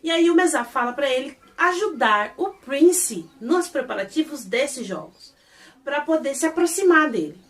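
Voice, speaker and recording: A Brazilian woman retells an episode in a gossipy, animated way, acting out the lines as she goes. Her voice is high and very lively. She sounds a bit distant from the mic. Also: moderate pace. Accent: Brazilian Portuguese. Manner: animated, gossipy, acts out quotes. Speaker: YouTube series reviewer. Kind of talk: casual episode recap.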